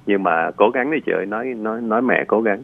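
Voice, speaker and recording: A man, an immigration lawyer, giving patient advice on a radio call-in show, pausing often with fillers as he explains. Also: lowish voice, vocal fry, dry recording. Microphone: phone line. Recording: tinny phone line, dry.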